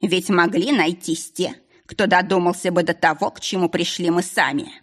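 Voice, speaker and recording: A woman voicing a cold, scheming male duke who taunts his captives in a slow, mocking drawl. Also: fairly low pitch, steady tone, fairly bright tone. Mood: smug, mocking.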